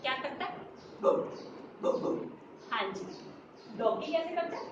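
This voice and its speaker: A woman teaches a nursery class in a sing-song manner, her high voice lively in intonation but slow in pace. She mixes Hindi and English in this children's lesson and asks the kids questions. The recording is roomy, distant, dull, and noisy.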